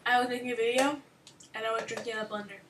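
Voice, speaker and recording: A woman's voice: a little high, fairly even intonation, very fast, far from the mic, background noise. A teenage girl chatting playfully with a friend and teasing her, heard a little away from the microphone. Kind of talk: casual chat. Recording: echoey, set back from the mic.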